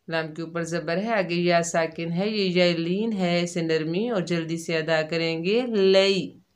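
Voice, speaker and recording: A woman teaching Quran recitation rules step by step, explaining each letter patiently and then chanting the syllables drawn out and louder. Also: fairly low pitch. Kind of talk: tajweed lesson, slow syllable drills.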